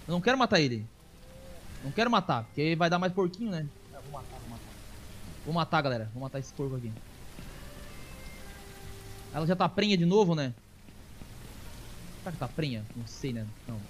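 Gaucho guy doing let's-play commentary, kinda high voice that jumps all over, gets hyped fast, faint music behind. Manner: excitable, calls to viewers, coaxes animals aloud. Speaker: gaming streamer.

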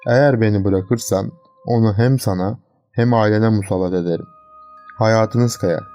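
A man voicing a calm, cold young fiancé who talks in a flat, coolly threatening way in a horror storybook reading. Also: medium pitch, natural voice.

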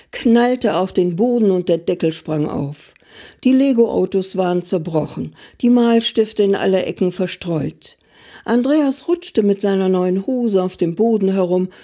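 Woman author reading her story, slow and mellow, calm. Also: mid-range voice. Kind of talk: literary reading.

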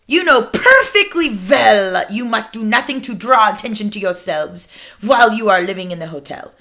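A woman's voice: medium pitch, lively intonation, normal speed, bright, forceful tone. A woman voicing the imperious, scornful leader of a coven of witches, in a commanding, declamatory manner.

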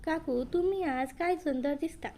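A woman voicing a shy young man in a storybook reading, nervous and eager to please, delivered in a high, hesitant voice. Faint ambience hums behind the reading. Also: moderate pace, dark tone, a little hiss or hum, lightly acted.

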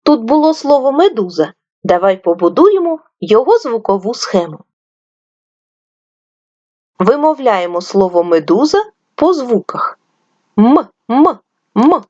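A woman teacher giving a reading lesson to young children, slowly sounding out words sound by sound. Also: a little high, sing-song, mellow, no room sound, dull audio. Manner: slow, drawn-out sound-by-sound enunciation. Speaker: primary school teacher.

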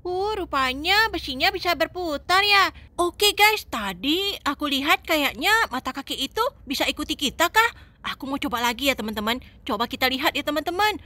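Very high, bright woman's gaming voice. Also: moderate pace, no echo. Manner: excited, playful, talks to viewers. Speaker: gaming video host. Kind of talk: playful game commentary for children.

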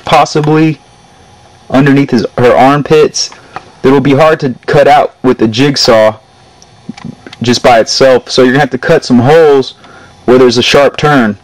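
Out in a work yard, a young hobby metalworker walks through a how-to casually, one step at a time, at a moderate pace with frequent pauses. His medium-pitched voice holds a steady tone. The noisy outdoor camcorder audio comes from a camera mic set a little way off.

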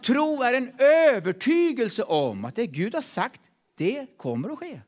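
A man with a Swedish accent preaching a sermon in a church, emphatic and repeating words, dropping from loud calls to hushed tones. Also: very high voice, sing-song. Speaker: pastor. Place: church hall.

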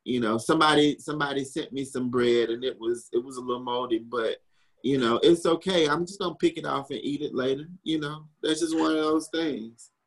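A man's voice: medium pitch, a little fast, poor audio. A man from the American South, a historical interpreter and chef, answering questions in a chatty way with frequent laughs and wry asides. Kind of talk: casual Q&A answers.

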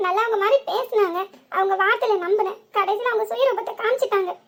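Actor playing a squeaky young cartoon woman, southern Tamil accent, pleading and earnest. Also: fast, fairly bright tone. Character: frightened young village woman. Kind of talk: cartoon voice acting.

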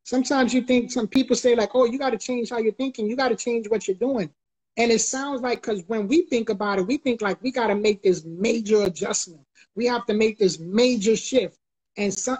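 Speaking in a high, slightly mellow, husky voice, a middle-aged man from the Bronx gives an emphatic motivational talk over a live video call. He repeats important phrases the way a preacher would, and the audio from his close webcam or phone is poor.

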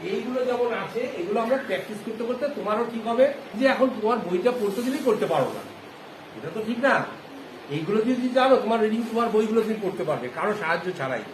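High-voiced male teacher in an echoey classroom. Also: lively intonation. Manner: asks the class questions often and repeats answers slowly. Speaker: primary school teacher. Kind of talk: classroom phonics lesson. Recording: echoey classroom with background noise.

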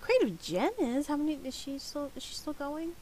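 A woman's voice: high-pitched, sing-song, moderate pace, a little mellow, slight background noise, low-quality recording. A woman hosting a casual crafting livestream, talking in a rambling, chatty way with frequent restarts. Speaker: livestream host. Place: home crafting stream.

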